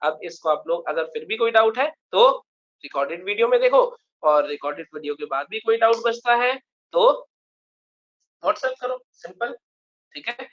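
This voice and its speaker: A man's voice: sits high, lively intonation, moderate pace, a bit bright. Male math teacher in a dull recording. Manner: explains step by step, often checks understanding. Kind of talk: live online lecture.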